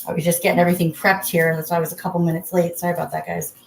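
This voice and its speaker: A woman with a fairly low voice hosts a casual livestream from an echoey bathroom. She talks in a chatty, informal way straight to her viewers, with noticeable noise behind her. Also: little pitch movement, very fast, gravelly. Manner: chatty, addresses viewers by name. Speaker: livestream host. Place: indoors, in a bathroom.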